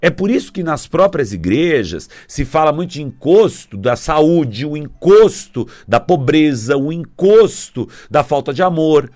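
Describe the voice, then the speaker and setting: Animated man with lively pitch. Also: a little slow, few pauses. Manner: animated, acts out little scenes with put-on voices. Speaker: spiritual talk presenter. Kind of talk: casual spiritual talk to viewers.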